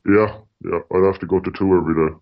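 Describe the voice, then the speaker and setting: With fairly even intonation and a quick pace, an anonymous radio interview guest talks plainly and matter-of-factly, frequently saying "like" and "you know." A distortion filter disguises his voice, making it deep, and the recording has a dull lo-fi quality.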